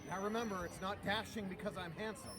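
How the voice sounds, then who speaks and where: High-voiced boastful man in a noisy crowd. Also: fairly even intonation, quick pace. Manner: jokingly boastful. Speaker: costumed pirate performer. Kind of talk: playful in-character banter. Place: outdoors at a Renaissance faire.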